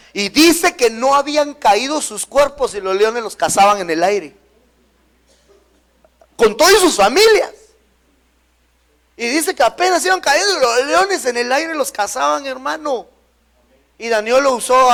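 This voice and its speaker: A man's voice: very high-pitched, a bit bright. A male pastor delivering a sermon, repeating key words for emphasis and dropping in humorous asides.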